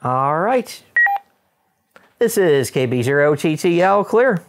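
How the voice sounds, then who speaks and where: A middle-aged American man with a fairly high, sing-song voice speaks slowly and methodically. He's a presenter and ham radio operator giving an instructional demonstration mixed with casual radio chat, recorded in an indoor studio with a wood-panel backdrop.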